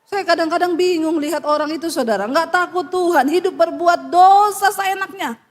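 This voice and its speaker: A woman pastor preaching a sermon in an animated, blunt and scolding way, often dropping her voice low to act out the people she quotes. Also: moderate pace. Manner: blunt, scolding address to the listeners.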